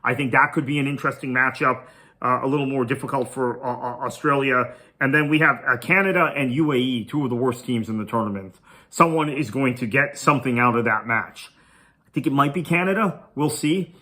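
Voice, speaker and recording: This is a solo cricket preview from a podcast host whose first language is Tamil, talking it through conversationally as he thinks. He has a mid-range, sharp-toned voice and goes a little fast.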